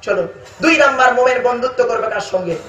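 High-voiced Bengali preacher, echoey PA. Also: male voice, a bit bright, slight background noise. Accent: West Bengal Bengali. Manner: chants Quranic verses slowly, calls listeners "baba". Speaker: preacher at a religious gathering. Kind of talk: waz sermon. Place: outdoor religious gathering on loudspeakers. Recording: echoey, distant, dull public address sound.

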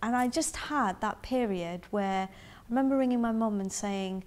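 A woman from Zambia, interviewed for a community film, tells reflective personal stories in a dark indoor room. Her mid-range voice is thoughtful and halting, with frequent restarts and soft asides.

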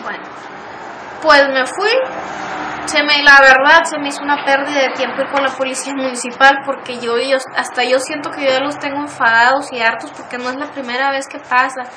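A woman giving earnest, halting testimony in an interview, often restarting her words. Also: high-pitched, little pitch movement, noisy background. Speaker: interviewee recounting abuse. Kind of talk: emotional testimony.

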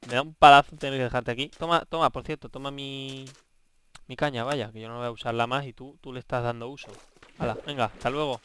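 A young man with a Spain Spanish accent, giving let's play commentary, excitable and swearing while bantering with game characters. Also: medium pitch, fairly quick, slight background noise. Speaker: gaming video host.

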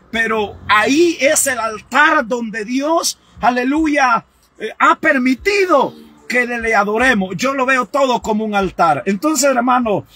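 A man's voice: very high-pitched, bright, forceful tone, slightly rough. A man giving an emotional testimony sermon, fervent and often crying out, calling his listeners brother. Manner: fervent, repeats "hermano", cries out at times. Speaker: evangelist preacher.

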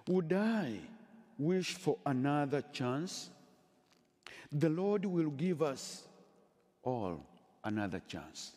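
Slow, deliberate priest in a church. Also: male voice, medium pitch, mellow, breathy edge. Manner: slow, deliberate preaching with emphatic pauses. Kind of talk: homily. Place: church sanctuary, at a lectern. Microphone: headset mic. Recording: long church reverb.

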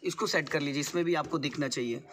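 A male driving instructor coaching a learner inside a car, patient and repetitive, giving step-by-step instructions with some gentle teasing. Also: on the high side, fast.

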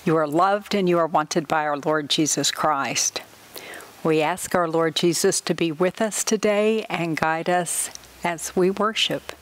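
A woman's voice: lowish voice, measured pace. A woman in her sixties, seated in a church sanctuary, reading announcements from notes in a friendly way with a few fillers and restarts. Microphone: front camera, seated at a table.

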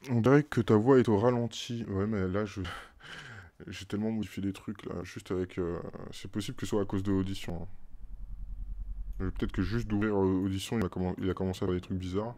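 French man, streamer, low mellow voice, muttering to himself, stop-start chatter. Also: fairly even intonation. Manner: muttering to himself, halting restarts. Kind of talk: casual live-stream chatter.

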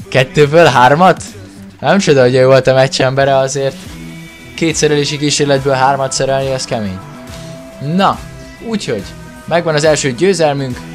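A Hungarian man giving excited football gameplay commentary, exclaiming and stretching his words as he follows the play. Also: mid-range voice. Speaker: gaming video creator commentating own match. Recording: music behind the voice. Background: music.

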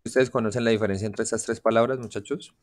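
This English teacher explains grammar to his class and constantly asks questions to see whether the students follow. His voice is on the low side with a steady tone, he speaks fast, and the recording is very noisy.

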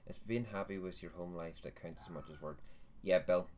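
Deep-voiced Northern Irish man, rambling casual chat, self-correcting, light background noise. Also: fairly even intonation, a little fast, darkish tone. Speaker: host of a vaping livestream.

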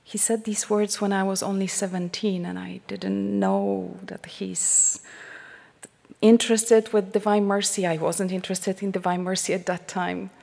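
A religious sister from Poland, with a Polish accent, gives a slow, heartfelt talk to a congregation, dropping to a hushed near-whisper when she prays. Her medium-pitched voice is gravelly and flat in delivery. Picked up on a headset mic in a large church shrine, the recording carries long church reverb.

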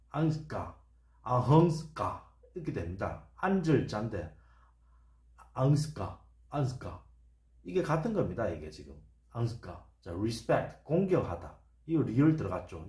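A man giving a lecture over slides, who slowly sounds out words and repeats each one several times. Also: medium pitch, very animated, a little mellow, reverberant. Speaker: channel host explaining words.

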